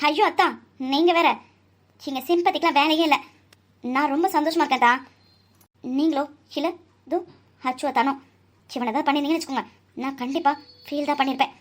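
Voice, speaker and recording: A fierce young woman doctor in a cartoon, voiced by a woman, with a high, bright voice. She scolds and declaims with fiery intensity. Her lines carry strong moral anger. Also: steady tone, fairly quick, long pauses, close to an everyday voice. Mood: triumphant. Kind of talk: cartoon voice acting.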